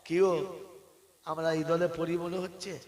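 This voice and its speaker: A man preaching a sermon, chanting verses in a sing-song way and swinging between loud calls and hushed asides. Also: on the high side, level tone, unhurried, long reverb tail. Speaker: Islamic preacher. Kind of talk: sermon with sung Quran recitation.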